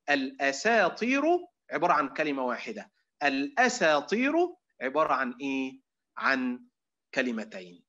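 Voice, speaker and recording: A man's voice: on the high side, a bit bright, muffled recording. A middle-aged man with an Egyptian Arabic accent giving an online lecture to students. He quizzes them, asking fill-in questions and then answering them himself.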